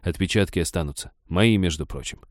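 A man playing a gruff, wary forester. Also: deep voice, fairly quick, dry recording, studio quality, lightly acted. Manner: gruff, blunt. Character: grumbling cautious male forester, nervous and gruff.

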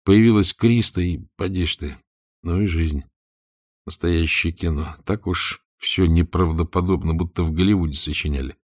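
A man reading a novel aloud as an audiobook narrator, in an even, unhurried literary reading. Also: sits low, dry recording, clean studio sound. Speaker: audiobook reader.

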